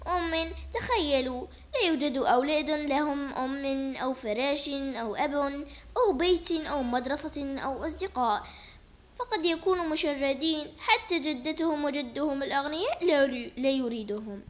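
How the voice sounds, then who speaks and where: A woman voicing a weary widowed father in a doll play, speaking low, soft and pleading. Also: moderate pace, natural voice. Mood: explaining. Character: strict, weary widowed father, middle-aged man. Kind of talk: toy doll play voice acting.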